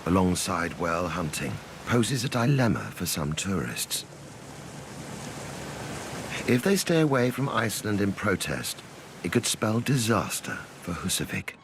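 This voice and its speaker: A man's voice: sits low, sing-song, measured pace, noisy background. A man reading scripted narration for a nature documentary. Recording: music bed behind voice. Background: background music.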